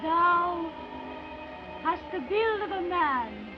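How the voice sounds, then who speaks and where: A woman's voice: very high-pitched, sing-song, extremely slow, heavily acted. An actress playing an imperious woman who poses as a goddess, speaking in a stately, archaic, stagey way on an early talkie film soundtrack. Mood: commanding. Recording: muffled old film sound with music.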